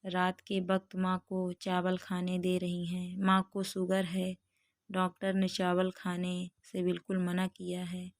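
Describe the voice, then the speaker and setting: A woman voicing a caring grown daughter in a storybook reading, speaking gently but firmly. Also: on the low side, completely flat delivery, unhurried, dry recording, clean studio sound.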